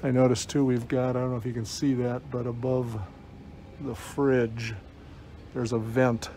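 Laid-back guy w mellow voice talking thru a face mask, casual walkthrough, some noise on the phone recording. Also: medium pitch, flat delivery, measured pace. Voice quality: slightly muffled through a face mask. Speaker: vlogger giving a walk-through. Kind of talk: casual unscripted walk-through narration. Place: inside an old bus at a scrapyard. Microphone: handheld phone. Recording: noisy handheld phone recording, vehicle ambience.

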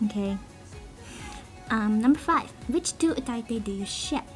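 An expressive woman with a higher voice speaks a little slowly, joking at her own expense and giggling as she wanders through casual chat with online listeners. A song plays underneath as this amateur cover singer responds to a voice meme.

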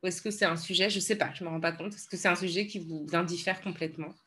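A woman journalist asking interview questions in a hesitant, halting way. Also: fairly low pitch, fairly even intonation, bright, forceful tone.

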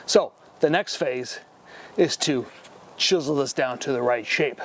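A man presenting an art history lesson on camera, talking in a relaxed, conversational way with pauses. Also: mid-range voice, noisy background. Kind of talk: casual on-camera explainer. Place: at his studio and on sites, partly outdoors.

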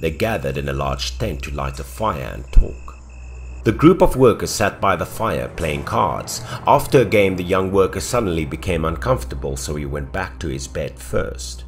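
A man's voice: expressive, normal speed, a little hiss or hum. A man narrating a horror story in a scripted, dramatic storytelling manner. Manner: dramatic storytelling with swings in pitch and loudness.

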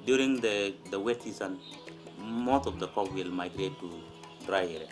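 Male warden, documentary interview, low register, guitar music behind. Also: normal speed. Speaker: park warden.

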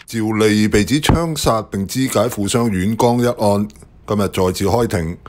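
A man's voice: on the low side, normal speed, darkish tone. A man narrating scripted news reports.

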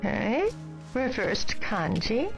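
Slow, creaky elderly grandmother. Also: a little high, very animated, heavily acted. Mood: solemn, explaining. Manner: polite, measured, deliberate. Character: gentle, courteous elderly grandmother running a china shop. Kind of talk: scripted video game dialogue. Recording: dull, compressed game audio. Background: clear background music.

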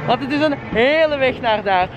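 A man with a very high-pitched, expressive voice talks at a moderate pace while vlogging through a theme park, rating the rides and speaking straight to viewers. He's chatty and gets winded climbing. The audio is dull, captured on a handheld camera or a phone at arm's length amid loud crowd and ride noise outdoors.

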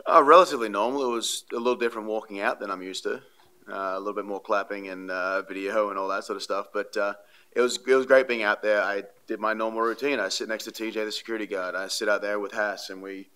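Fast-talking and smooth, this man has a fairly low, pushed and bright voice with fairly even intonation. He's an Australian baseball pitcher answering reporters at a postgame press conference, speaking into podium microphones in a press room with a sponsor backdrop. His answers are earnest and rambling, full of fillers and restarts.

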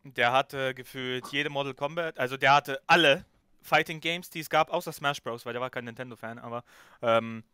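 A man's voice: mid-range voice, moderate pace, sharp tone, smooth, no echo, studio quality. A man from Ukraine chatting casually on a podcast, rambling and jokey. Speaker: podcast co-host. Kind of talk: casual chat.

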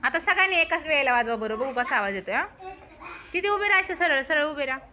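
A woman's voice: high-pitched, expressive, quick pace, pushed and bright. A woman teacher talking cheerfully with schoolchildren, exclaiming and calling out their names. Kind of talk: lively classroom talk with children.

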